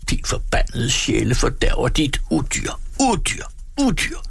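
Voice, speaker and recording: A man's voice: animated, gravelly, a bit bright, slightly rough, no room sound, full character voice. A man reading aloud and voicing a desperate, ranting poor peasant man who shrieks and curses. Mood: frantic. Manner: shrill, pleading and cursing. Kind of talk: dramatic reading.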